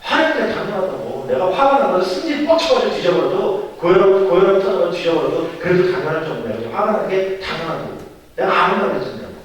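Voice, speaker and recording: Man doing a petulant, indignant prophet, high and loud, heard from across a reverberant hall. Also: big pitch swings, fast. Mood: furious. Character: indignant, sulking male prophet. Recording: echoey church hall, distant mic.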